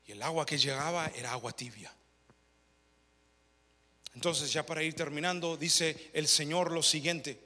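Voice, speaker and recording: Predicador fervoroso con mucho eco. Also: male voice, moderate pace, pauses often. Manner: rising to loud, high fervor when retelling scripture. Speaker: preacher. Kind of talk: sermon. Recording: long reverb of a large hall.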